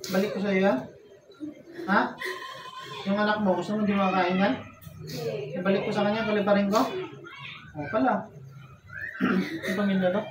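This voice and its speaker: Stern, taunting faith healer, echoey. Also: mid-range voice. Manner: stern, taunting, keeps prodding with short questions. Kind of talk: deliverance session, interrogating a spirit. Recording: echoey, distant, noisy room sound.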